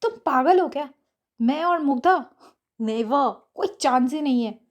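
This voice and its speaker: A woman narrator voicing a calm, polite young man who quietly schemes, speaking in an even, offhand way. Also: high-pitched, unhurried. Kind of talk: audio story character voice.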